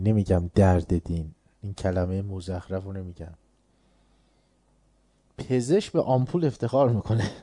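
A man with a lowish, very dark and mellow voice delivers an informal sermon, recorded close and dry. He talks conversationally and keeps turning to his listeners with rhetorical questions. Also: no echo. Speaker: preacher. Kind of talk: informal religious lecture.

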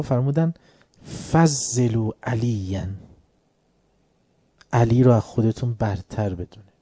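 A man preaching a religious lecture in a dark, mellow voice. He quotes Arabic phrases and then explains them. His delivery swings from hushed asides to loud, emphatic declarations. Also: medium pitch.

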